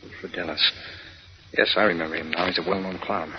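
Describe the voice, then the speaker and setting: An actor playing an anxious hero who speaks urgently and worriedly, on an old radio broadcast. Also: male voice, low-pitched, steady tone, fairly quick, muffled recording, noisy background, natural voice. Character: anxious male wealthy hero.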